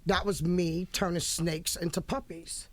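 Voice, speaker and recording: A middle-aged woman, a guest on a radio show, telling a story in a blunt, animated way, laughing often and swearing freely. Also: fairly low pitch, a little slow, no echo. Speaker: guest, music manager. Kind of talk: casual radio interview storytelling. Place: radio studio.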